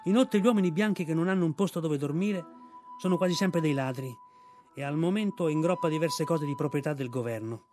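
A man's voice: fairly high pitch, fairly quick, darkish tone, faint music behind, lightly acted. A man voicing an old veteran army mule in an audiobook, blunt and bossy. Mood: gruff. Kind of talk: audiobook reading.

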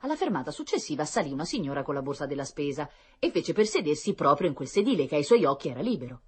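A woman narrating a children's tale with a low, husky voice and a lively, rising and falling delivery. Soft music plays faintly behind her. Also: quick pace. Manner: expressive, lively storytelling. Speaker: storyteller. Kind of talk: read-aloud children's story.

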